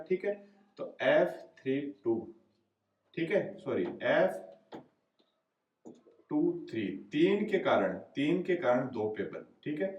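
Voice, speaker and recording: Young male physics teacher with a Hindi accent, animated classroom delivery, heard off-mic in a reverberant room. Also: on the high side, distant mic. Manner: lively, asks questions and answers them himself. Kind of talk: classroom lecture. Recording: roomy echo, voice away from the mic.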